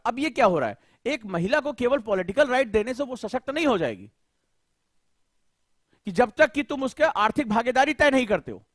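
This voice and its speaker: A man's voice: very high voice, fairly bright tone, no room sound, clean studio sound. A male coaching teacher lecturing students, firing rhetorical questions and scolding them.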